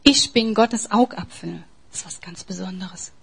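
Woman, preacher, sermon, breathy, emphatic, soft to forceful. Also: mid-range voice, normal speed.

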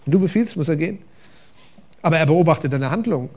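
A man preaching a conversational sermon from a church stage, with rhetorical questions and a lively, engaging delivery. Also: on the high side, fast. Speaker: pastor.

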